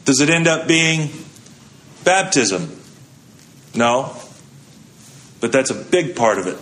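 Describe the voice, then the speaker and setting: A man's voice: medium pitch, very animated, slow pace, fairly bright tone. A male pastor giving a sermon in a conversational way, asking the congregation questions and answering them. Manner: conversational preaching with rhetorical questions.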